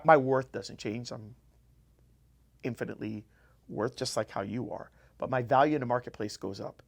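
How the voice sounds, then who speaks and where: A man hosts his own motivational podcast, speaking alone in a room. He talks with energy and emphasis, drives points home by repeating phrases, and keeps an even, mid-range pitch. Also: vocal fry. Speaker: podcast host. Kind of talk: solo motivational podcast talk.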